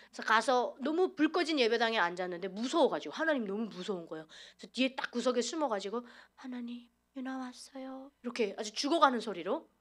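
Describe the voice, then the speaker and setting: A woman from North Korea giving an animated, dramatic church testimony and acting out past scenes as she talks. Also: a little high. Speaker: testimony speaker at a church service.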